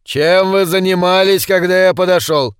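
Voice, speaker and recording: A man doing a sneering strict schoolteacher, sarcastic and commanding, fairly high voice. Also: lively intonation, slow, clean tone, dry recording, clean studio sound. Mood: demanding. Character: stern sarcastic male schoolteacher, middle-aged.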